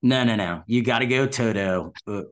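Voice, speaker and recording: A man's voice: medium pitch, moderate pace. A man chatting casually as an interview guest, easygoing and a little self-deprecating. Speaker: podcast guest.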